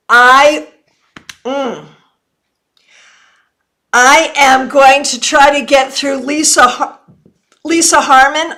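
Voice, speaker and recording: A woman's voice: high voice, sharp tone. A woman with hiccups giving tarot readings on a live stream, chatty and often apologizing. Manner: apologetic, chatty, quick answers to viewers.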